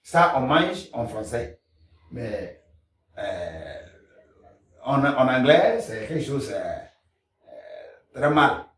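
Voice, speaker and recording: A man teaching pronunciation, slowly drilling and repeating sounds, recorded at a distance in an echoey room. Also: medium pitch, sing-song, fairly bright tone. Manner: slow, repetitive drilling of sounds. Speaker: language teacher. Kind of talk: pronunciation lesson.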